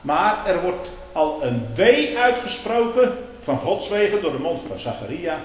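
An older man with a somewhat high voice delivers a fiery sermon. He drops to hushed, quick storytelling, then rises to loud, drawn-out condemnation. The sound rings through a big echoey hall with long reverb. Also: sing-song. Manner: swings from hushed storytelling to loud, slow denunciation. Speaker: preacher.

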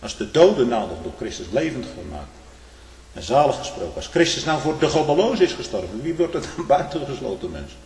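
A male pastor preaching a sermon, emphatic, swinging between loud and hushed, often tagging lines with "hm?". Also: medium pitch, big pitch swings, fairly quick. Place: church. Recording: echoey church hall.

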